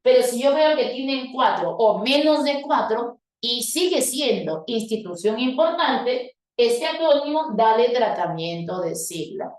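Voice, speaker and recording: A woman's voice: on the high side, animated, unhurried, hardly any pauses, darkish tone. A woman teaching a grammar lesson, explaining step by step and quizzing her students with questions. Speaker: language teacher. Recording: echoey room, voice from a distance.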